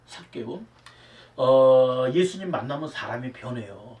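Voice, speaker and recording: A man's voice: medium pitch, animated, a little slow, a little mellow. A man preaching a Sunday sermon as pastor, with emphatic delivery and rhetorical questions to his viewers. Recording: roomy hall, mic at a distance.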